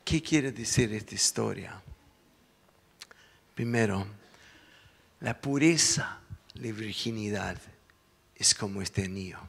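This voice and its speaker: Slow, gravelly-voiced male preacher. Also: fairly low pitch, in a large hall. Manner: lively storytelling, acts out the voices. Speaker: pastor. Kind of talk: sermon storytelling. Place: church sanctuary.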